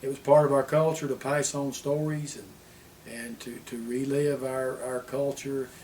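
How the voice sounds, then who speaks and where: An older Appalachian man reminisces like a porch sitter swapping stories, folksy and rambling, with clipped word endings. His voice sits at an average pitch. He is recorded at some distance from the microphone, with noise around him. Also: flat delivery, measured pace, darkish tone. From Appalachian Tennessee, US. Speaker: interviewee sharing family history. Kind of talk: unhurried oral-history storytelling, like a porch sitter reminiscing. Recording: distant mic with background noise.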